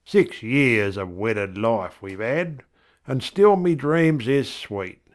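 A man reading verse as a fond, wry rural husband, speaking in homely, unhurried vernacular. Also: medium pitch, animated.

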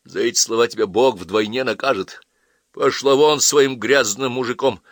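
A man reading an audiobook voices a cold, pious middle-aged mother who speaks with flat, icy calm. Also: medium pitch, normal speed, no room sound, clean studio sound, voice pushed up, close to an everyday voice. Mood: coldly calm.

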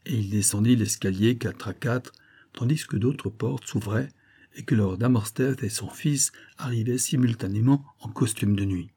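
A man narrating a novel in the first person, steady and measured. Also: medium pitch, breathy edge. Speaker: audiobook narrator.

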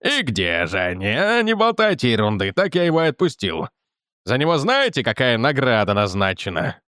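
A man playing a blustering, shouting guard. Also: medium pitch, sing-song, normal speed, dry recording, clean studio sound. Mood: scornful. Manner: shouting, theatrical, scornful. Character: red-faced blustering male guard, angry and boastful.

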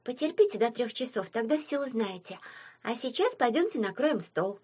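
A woman voicing a kind young girl hostess who speaks gently and quietly. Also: a little high, sing-song, moderate pace, slightly rough, pitched above the performer's own voice. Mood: gentle.

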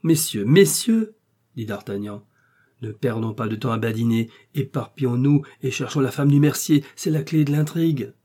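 A man voicing a bold young swordsman who gives orders in a raised, forceful voice. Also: mid-range voice, animated, normal speed, voice pushed up, natural voice. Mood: commanding.

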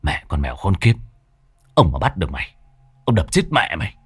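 A man's voice: low-pitched, very animated, brisk, breathy edge, dry recording, full character voice. A man voicing a hot-tempered village tough who curses and barks orders bluntly. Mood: angry cursing. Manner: cursing, barking, blunt.

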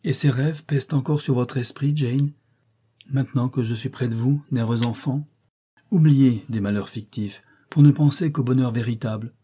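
A man voicing a brooding, ardent wealthy gentleman in an audiobook reading of a classic novel, pleading and commanding by turns. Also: mid-range voice, normal speed, breathy edge, natural voice. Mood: tender.

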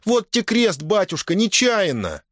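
A man's voice: high-pitched, big pitch swings, measured pace, a bit bright, no echo, clean studio sound, voice pushed up, full character voice. A man voicing a stubborn young peasant wife who answers back sharply and defiantly.

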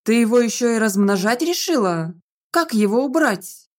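A stern middle-aged rector of a magic academy, exasperated with his daughter. He scolds in measured, weary bursts, read by a woman narrator. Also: on the high side, animated. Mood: scolding.

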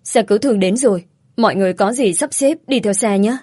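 Woman voicing a policeman, brisk, official, a bit quick, dry sound. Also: mid-range voice, darkish tone, breathy edge, dry recording, close to an everyday voice. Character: male police officer, businesslike.

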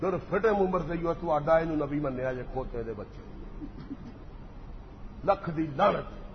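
A man preaching a sermon, mocking and impassioned, acting out the dialogue of his stories. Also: on the high side. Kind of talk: sermon with storytelling. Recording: dull lo-fi hall recording with faint noise.

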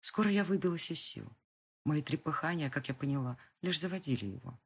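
A woman narrating a first-person audiobook with a husky voice and tense dramatic reading. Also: deep voice, lively intonation, fairly quick.

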